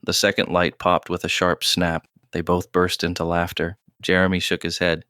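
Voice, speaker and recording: In a scripted audio drama, a man narrates with a low, smooth voice that is bright and forceful yet monotone. He speaks in a measured, terse way with hardly any rise or fall. The recording is close and dry, with no room sound.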